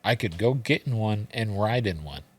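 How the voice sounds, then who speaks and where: A man's voice: fairly low pitch, expressive, moderate pace. A man voicing a skeptical male questioner, reading his doubtful questions from a transcript.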